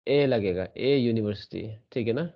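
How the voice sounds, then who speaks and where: A man's voice: on the low side, moderate pace, highs cut off. A man teaching an English grammar lesson in an online class, repeating sounds and asking checking questions. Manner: repetitive, drills sounds, asks checking questions.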